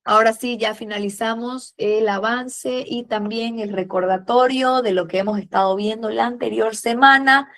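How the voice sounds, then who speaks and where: A woman's voice: fairly high pitch, steady tone, fairly bright tone. Patient woman teaching history. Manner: patient, fills pauses with "eh" and "a ver", uses diminutives. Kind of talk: classroom lesson, questioning students.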